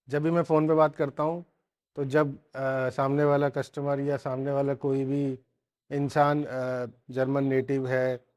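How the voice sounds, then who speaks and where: A man teaching an online language lesson, slowly repeating each sound several times for his learners. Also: fairly high pitch, a little mellow.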